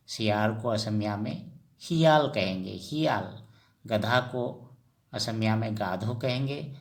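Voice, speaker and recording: A man teaching vocabulary in Hindi, repeating each word slowly and asking and answering his own questions as he addresses viewers as friends. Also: mid-range voice. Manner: slow and repetitive, drills each word. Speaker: language teacher.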